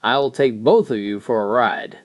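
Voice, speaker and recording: A man playing a brisk, persuasive helicopter pilot in a told joke. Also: medium pitch, no echo, studio quality, close to an everyday voice.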